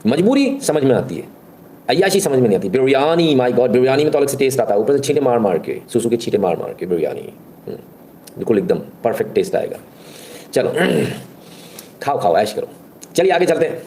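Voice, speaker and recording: Sarcastic, mellow-voiced male stream host. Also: medium pitch, big pitch swings, normal speed, a little hiss or hum. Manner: mocking, sarcastic, chatty, addresses viewers directly. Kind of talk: sarcastic live commentary.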